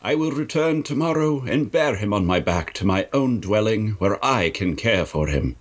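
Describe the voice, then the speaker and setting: A man's voice: on the low side, expressive, moderate pace, voice pushed up. Man voicing an earnest young shepherd. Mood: earnest, pleading. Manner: earnest and pleading.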